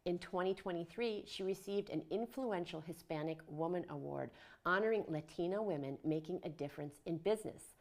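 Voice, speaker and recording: Woman host, upbeat, chatty, fairly low voice. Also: brisk. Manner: upbeat scripted introduction, then chatty. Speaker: show host. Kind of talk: community TV interview.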